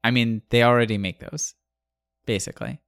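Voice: medium pitch, fairly even intonation, brisk, dry recording, clean studio sound. A podcast co-host reacting in casual chat, playful and chatty.

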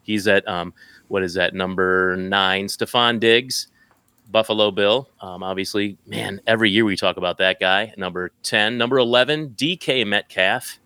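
A man's voice: on the low side, moderate pace, pushed and bright, smooth, no room sound. An American man, a podcast co-host, announcing sports rankings as a top ten countdown.

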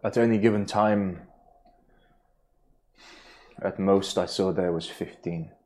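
A game master playing a grave, wary monster hunter who speaks in a measured, solemn way. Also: deep voice, fairly even intonation, a little mellow. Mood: grave, cautious. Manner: measured, solemn, uncontracted speech.

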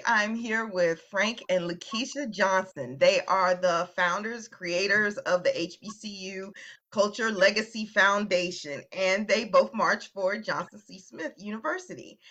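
Woman, podcast host, from Virginia, friendly questions, mid pitch, muffled audio. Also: bright, forceful tone. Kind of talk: casual interview chat. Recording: dull lo-fi audio.

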